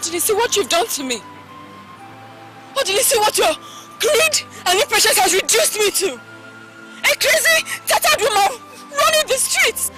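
A woman's voice: a little high, a little slow, long pauses, close to an everyday voice. Woman playing a dazed wronged wife. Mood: anguished. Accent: Nigerian. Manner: dazed, then bitter and anguished. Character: wronged young wife recovering from madness. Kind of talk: Nollywood film acting. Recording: film soundtrack with loud music.

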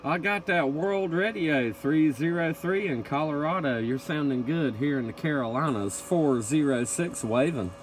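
Here a man with a slightly high voice works the CB radio, trading brief calls and replies with contacts at a moderate pace and few pauses. The indoor radio room is noisy, and static crackles throughout.

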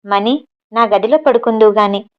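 A hesitant young woman of the house in a storybook reading, voiced by a woman, groping for words. Her voice sits fairly high, and the recording is dull and lo-fi. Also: normal speed, natural voice.

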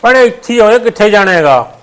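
A man playing a son who calms his sister and his wife in a family short film. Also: sits high, fast. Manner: soothing, placating. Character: peacemaking son and brother.

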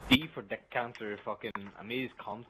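A young man trash-talking and bantering loudly while playing a shooter game. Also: medium pitch, fairly even intonation, moderate pace, background noise. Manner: loud, swearing, mocking. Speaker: gamer. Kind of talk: profane gaming banter. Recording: voice chat over loud game sounds.

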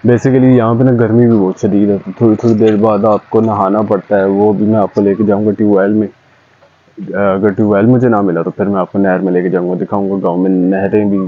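A man's voice: low voice, narrow, tinny audio. A chatty young man from Pakistan giving a casual vlog tour of his village outdoors, talking straight to viewers into a handheld camera. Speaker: vlogger.

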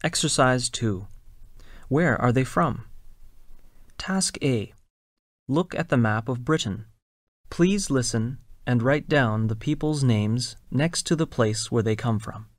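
A man's voice: medium pitch, slow, no echo, clean studio sound. A man reading scripted lines and instructions for a listening exercise, enunciating carefully and spelling out names. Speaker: exam recording reader.

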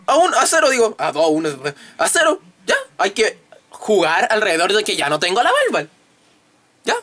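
Bright-voiced young Chilean man, rambling. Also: extremely high pitch. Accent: Chilean Spanish. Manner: rambling, repeats a questioning tag, swears casually. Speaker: card game channel host. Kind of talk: casual vlog commentary.

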